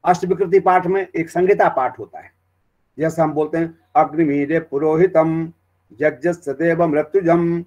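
A man lectures on Vedic recitation in a somewhat high voice. He explains pronunciation step by step, pausing with hesitant fillers, then chants Sanskrit verses slowly and carefully. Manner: explanatory classroom delivery with frequent hesitations. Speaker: Veda teacher.

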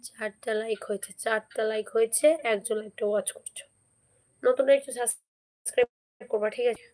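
A hoarse woman hosting a casual live stream, chatting and repeatedly urging viewers to comment and subscribe. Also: mid-range voice, flat delivery, quick pace, a little mellow.

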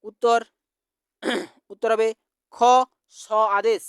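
A teacher from West Bengal slowly reading out exam quiz answers, repeating each question. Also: mid-range voice, steady tone, creaky, smooth, no room sound, studio quality.

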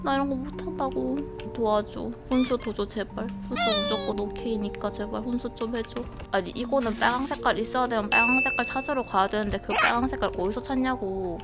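A woman's voice: a little high, brisk, hardly any pauses, loud music behind the voice. A young woman streaming a horror game live, shrieking and swearing when scared and bantering with her chat.

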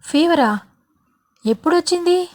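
A woman voicing a cheerful, affectionate young woman who teases her brother, in a quick, bubbly way. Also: extremely high pitch, animated, pitched above the performer's own voice. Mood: worried.

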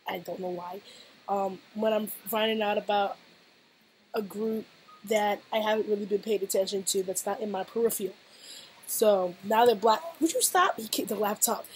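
A woman's voice: medium pitch, darkish tone, low-quality recording. Chatty woman rambling through a reaction. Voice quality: hoarse-sounding. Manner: chatty, rambling, laughs often. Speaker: reaction video host. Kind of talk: casual reaction vlog chat.

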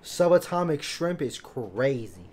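A man's voice: mid-range voice, big pitch swings, measured pace, a little mellow. A young man giving casual reaction commentary as a video host in an indoor room. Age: young adult.

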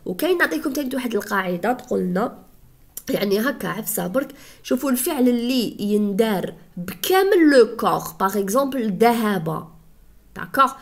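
Woman, Algerian Arabic accent, French teacher, classroom explanation, asks and answers her own questions. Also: medium pitch.

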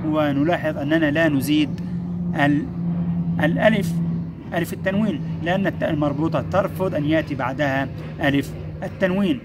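A man teaching first-grade pupils, explaining step by step, praising them and slowing down to sound out syllables. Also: on the high side, heavy background noise. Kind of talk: recorded classroom lesson.

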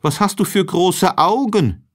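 A man voicing an innocent, eager young girl in a fairy tale, asking questions in a raised voice. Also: a little slow. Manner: high, lively questions.

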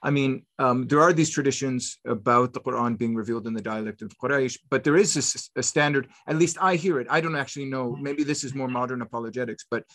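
A man's voice: medium pitch, quick pace, few pauses, fairly bright tone. A man hosting an interview, asking long questions in a hesitant way while he searches for his words. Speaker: host.

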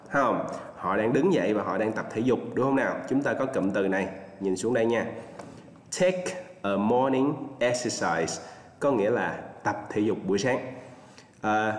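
Vietnamese man teaching English, echoey room. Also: medium pitch. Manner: drills pronunciation, repeats words slowly for students. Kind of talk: online class lesson. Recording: echoey room with long reverb.

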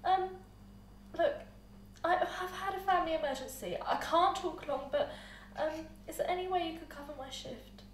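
A woman's voice: extremely high pitch, expressive, normal speed. A young actress playing an anxious, vulnerable woman abused by her boyfriend in a naturalistic short film. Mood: subdued, strained politeness. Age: young adult. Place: indoors in rooms of a house. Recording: roomy, distant mic, faint noise.

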